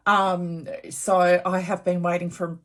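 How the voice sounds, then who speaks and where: A woman's voice: on the low side, little pitch movement, slow, a bit bright. A woman hosting a casual craft tutorial in a chesty, congested voice, chatting informally and apologetically as she explains things to viewers. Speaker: craft channel host.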